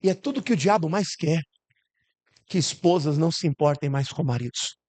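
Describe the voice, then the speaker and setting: A Brazilian man preaches a sermon in a notably high voice. He keeps asking the congregation rhetorical questions and briefly acts out the people he quotes. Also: animated, moderate pace, darkish tone.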